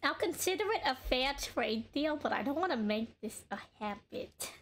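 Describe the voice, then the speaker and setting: A woman's voice: high voice, expressive, normal speed, slight background noise. A woman streaming a card game, chatting casually and bubbly, laughing often and talking while she eats.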